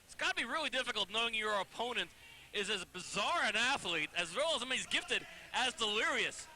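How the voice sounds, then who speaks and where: A man's voice: extremely high pitch, expressive, a little fast, pushed and bright. A man giving wordy colour commentary on wrestling, full of wry asides.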